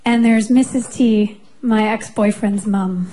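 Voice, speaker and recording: A woman's voice: mid-range voice, fairly even intonation, slow, dark tone. Chuckling woman introducing a song. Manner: chatty, chuckling, personal anecdotes. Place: concert stage.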